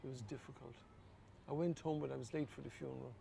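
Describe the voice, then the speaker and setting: An older Irish priest with a deeply gravelly, fry-laden voice tells personal stories in an interview. He speaks earnestly and quietly, with a faint hiss of room noise behind him. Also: fast. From Ireland. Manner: earnest, quietly emotional, rises to lively laughter. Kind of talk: reflective personal storytelling in an interview.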